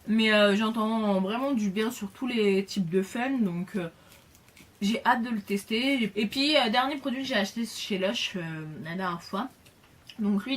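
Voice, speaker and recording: A woman chatting casually in a beauty haul video, enthusiastic, with lots of fillers and repeated words. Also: mid-range voice. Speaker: beauty vlogger.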